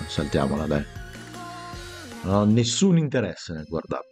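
A man's voice: low voice, big pitch swings, normal speed, a little mellow, soft background music. A man giving casual, joking commentary while playing a video game, reading its dialogue aloud. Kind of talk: casual let's-play commentary.

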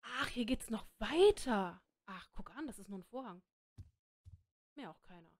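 Playful higher-voiced woman streaming games. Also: lively intonation, moderate pace, a little mellow. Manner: playful, reacting aloud. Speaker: game streamer. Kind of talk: gameplay commentary with live German translation of dialogue. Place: indoors at a streaming desk. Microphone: desk microphone close to mouth, headset on.

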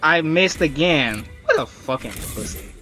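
A man's voice: fairly high pitch, lively intonation, measured pace, pushed and bright. A young man giving exasperated, profane live commentary on his own gameplay. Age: young adult. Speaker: gaming streamer. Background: game music.

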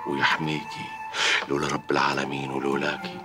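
A man's voice: rumbling low, monotone, a little fast. An actor with a Levantine Arabic accent playing a pious, grateful older village man in a drama. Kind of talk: radio-style drama acting. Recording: music bed under the voice.

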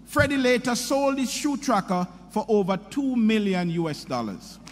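A middle-aged man at a podium formally introducing a commencement speaker, reading a prepared script in a measured, sing-song delivery. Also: high voice, animated, slight background noise. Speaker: university president introducing the speaker. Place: large hall, speaking at a podium. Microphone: podium microphone. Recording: hall reverb with faint ambience.

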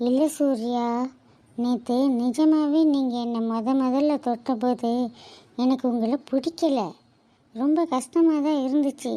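A high, warm voice for a young cartoon wife, played by a woman. She is weak with fever and speaks softly, pleading and affectionate, and a little teasing. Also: a little slow. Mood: tender. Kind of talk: cartoon drama dubbing.

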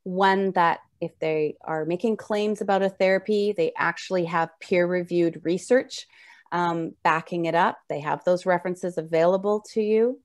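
Middle-aged female nurse presenter, slightly low voice, slushy slurred s, informal webinar teaching over slides. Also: steady tone, normal speed. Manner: slurred, slushy s sounds from wearing braces. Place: indoor room, video call.

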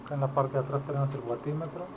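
Talking at a racing pace in a medium-pitched voice, this repair technician walks through a hands-on fix indoors, casually. The handheld camera mic gives dull lo-fi sound, and background noise comes through clearly.

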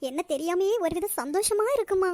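A woman voicing a tearful, lovesick young daughter in a family cartoon, speaking softly and sorrowfully with a Nagercoil Tamil accent. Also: very high voice, lively intonation, brisk, dry recording. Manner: soft, sorrowful and pleading.

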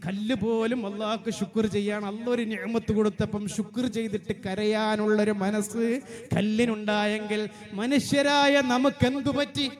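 Very high-pitched male preacher. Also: little pitch movement. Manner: emphatic, slows to chant Arabic phrases. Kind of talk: Ramadan sermon storytelling.

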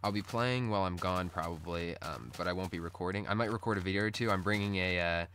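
A man's voice: deep voice, quick pace, a bit bright. A man with a morning voice chatting casually in a rambling, laid-back gaming update, on poor-quality audio. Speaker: gaming video host. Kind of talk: casual Let's Play update chat. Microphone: recorded through screen-capture software. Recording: poor audio with background noise.

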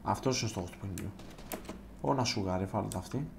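A man giving live gameplay commentary as a streamer, chatting to viewers and bursting into loud exclamations. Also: fairly low pitch, vocal fry, noisy background. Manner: chatty, addresses viewers directly.

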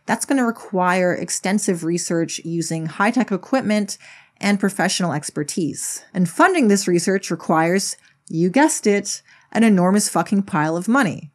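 A woman's voice: mid-range voice, lively intonation, normal speed. A woman giving a casual spoken video essay, blunt and sarcastic, with frequent swearing.

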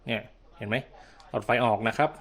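A man's voice: lowish voice, fairly quick, a bit bright. Man giving a casual, repetitive demo. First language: Thai. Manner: repetitive step-by-step explaining with frequent polite particles. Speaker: product demonstrator. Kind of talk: casual hands-on product demo.

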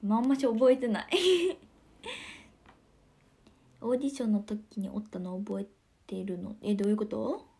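A young woman with a Kansai accent, hosting a casual livestream. She chats about viewer comments in a giggly, soft-spoken way and often drops to a near whisper. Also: mid-range voice, fairly even intonation, fast, gravelly. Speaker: idol livestream host.

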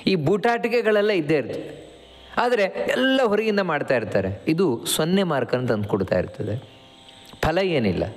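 A man's voice: fairly high pitch, very animated, moderate pace, in a large hall. A man teaching a religious discourse, explaining Sanskrit verses line by line. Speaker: spiritual teacher.

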